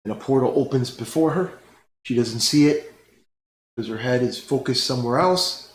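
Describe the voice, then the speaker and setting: A man running a tabletop game, narrating scenes slowly with fillers and pauses. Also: medium pitch. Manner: slow, unhurried storytelling with fillers. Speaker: game master. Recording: roomy with faint noise.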